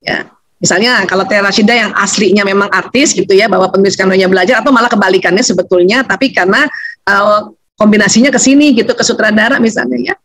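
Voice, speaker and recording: A middle-aged woman giving a lively seminar talk on family life, chatty and laughing often. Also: mid-range voice, quick pace, dry recording, poor audio. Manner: animated, chatty, laughs often, acts out quotes. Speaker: seminar speaker on family relationships.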